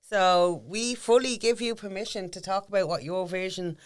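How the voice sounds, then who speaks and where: A woman's voice: medium pitch, fairly even intonation, moderate pace, smooth. A woman with an Irish accent co-hosting a podcast, reflecting back what she hears in a counselling-like way during casual conversation. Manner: reflective, counselling tone, names feelings and experiences. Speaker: podcast co-host.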